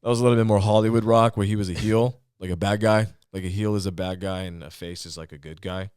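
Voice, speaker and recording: A young man from Northern California, a guest actor, chatting casually on a podcast in an animated, joking, profane way. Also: lowish voice, quick pace, clear, resonant tone, no room sound.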